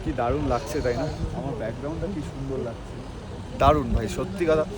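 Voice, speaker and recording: A man with a Bengali accent vlogging from a snowy mountain pass. He talks slowly and is short of breath from the altitude, with a dry throat, breaking into excited exclamations. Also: medium pitch, over a noisy crowd. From Bengal, India. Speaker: travel vlogger. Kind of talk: casual vlog walk-and-talk. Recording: wind noise on the mic outdoors.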